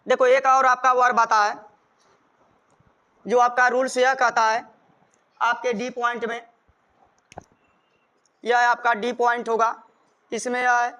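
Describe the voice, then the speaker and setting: An extremely high, pushed and bright male voice with a clean tone belongs to a North Indian-accented Hindi speaker. He explains grammar in class emphatically and repetitively, dictating each example word by word.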